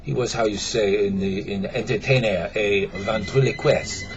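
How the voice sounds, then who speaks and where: A man telling a joke in a put-on French accent, halting and filling gaps with "uh" and stray French words. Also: lowish voice, steady tone, lo-fi sound, background noise. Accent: mock French. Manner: halting, full of fillers, sprinkled with French words. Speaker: joke teller.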